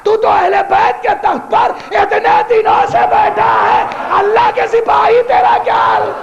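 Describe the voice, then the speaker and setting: A man voicing a defiant holy fool who shouts his reproach at a king. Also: very high-pitched, huge pitch swings, voice pushed up, exaggerated voice. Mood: defiant shouting. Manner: shouting, impassioned. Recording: dull lo-fi hall recording with faint crowd.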